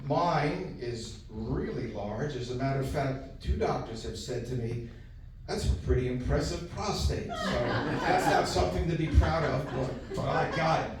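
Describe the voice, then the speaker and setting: Echoey older New comic, brash man. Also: fairly high pitch. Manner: brash, profane, kvetching. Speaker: stand-up comedian. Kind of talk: Borscht Belt stand-up, telling jokes to a crowd. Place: echoey live venue with an audience. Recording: very echoey noisy room, distant mic.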